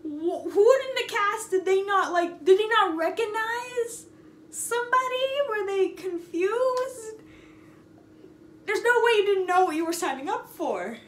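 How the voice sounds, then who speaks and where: A high-voiced young woman, a storytime vlogger, shares casual, chatty anecdotes at a measured pace. She's animated and sarcastic, stretching words for emphasis, and the recording has a roomy echo with noticeable background noise.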